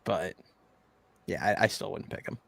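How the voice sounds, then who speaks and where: A man co-hosting a sports podcast in casual chat, quick with jokes and laughter. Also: deep voice, vocal fry, no echo. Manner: laughs often, quick joking asides. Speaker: podcast co-host.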